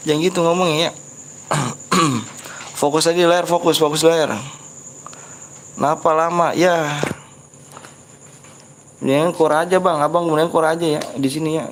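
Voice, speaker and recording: A man's voice: fairly high pitch, slight background noise. Chatty Betawi-accented man streaming live. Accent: Betawi Jakarta. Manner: chatty, reads viewer comments aloud, lectures rude viewers on politeness. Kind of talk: casual live stream chat.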